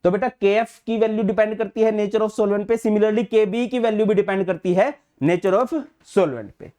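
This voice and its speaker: A man giving an online chemistry class, chatty and friendly with students, mixing terms into his speech and slowing down to dictate notes. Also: sits high, dark tone. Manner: chatty, addresses students as beta and bhai, mixes English terms into Hindi; slows to dictate notes word by word. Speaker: chemistry teacher.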